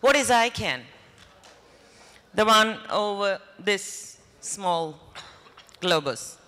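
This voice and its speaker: A woman's voice: mid-range voice, lively intonation, drawn-out words, bright, forceful tone. A woman from Armenia presenting at a conference in English, friendly and speaking directly to the audience. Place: conference hall. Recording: reverberant hall.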